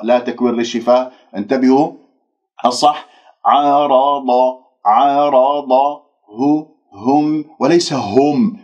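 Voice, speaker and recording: A male recitation teacher who corrects pronunciation, drawing out single syllables slowly and then explaining the rules briskly. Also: medium pitch, a little mellow. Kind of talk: pronunciation lesson. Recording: dull lo-fi recording.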